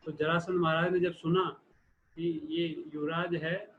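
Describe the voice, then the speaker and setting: A man giving a sermon, retelling a scripture story in a steady explanatory way with frequent restarts. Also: a little high, a little slow. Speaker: preacher. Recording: phone-like lo-fi recording with faint hiss.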